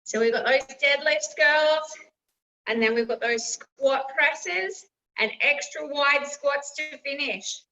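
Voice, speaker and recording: Taking it slowly, a woman with a high, bright, forceful voice runs a group workout, offering encouraging instructions and cues as the instructor. The sound is roomy and a bit dull, as if recorded from a distant microphone.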